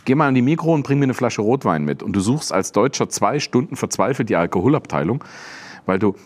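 A man's voice: medium pitch, fast. A German comedian with a German accent, chatting casually and acting out quotes in his anecdotes. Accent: German Standard German. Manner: animated storyteller acting out quotes.

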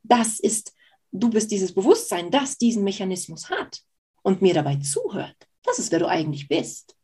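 A woman coach explaining Human Design in a casual interview, animated and laughing often, acting out quoted voices. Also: mid-range voice, normal speed, slightly rough. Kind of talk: conversational interview answer.

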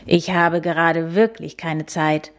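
A woman's voice: sits low, fairly even intonation, slow pace. A woman voicing a busy father coati who speaks firmly and decidedly. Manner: firm, decided.

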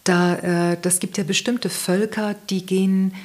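A woman guest in a conversational interview, giving parenting advice in a thoughtful, gently explaining way and searching for words as she goes. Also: medium pitch, fairly even intonation, measured pace.

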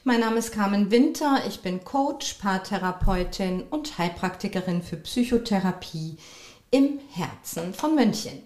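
A woman coach and couples therapist hosting her own podcast, speaking in a measured, reflective way and often affirming herself with a soft "ja". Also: medium pitch, lively intonation, reverberant. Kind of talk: calm solo podcast talk.

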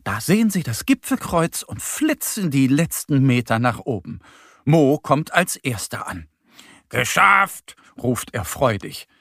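A storyteller reading a children's audio story slowly, with a husky, breathy voice. The pitch swings widely and expressively. It is recorded close and dry. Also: sing-song, no echo. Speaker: narrator.

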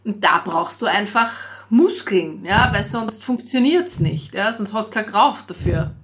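A woman's voice: mid-range voice, animated, measured pace, fairly bright tone. A middle-aged woman, a singer, chatting casually and explaining things at length, often repeating words as she thinks. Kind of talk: casual chat.

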